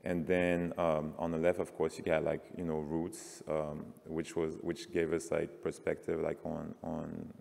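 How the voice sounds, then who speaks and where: A French man in his forties, a panelist and artist, gives a loose conference talk about his work in a large, reverberant hall. His extremely low, darkish voice is monotone and a little slow, with vocal fry and hardly any pauses. His speech is casual and heavy with fillers like "like".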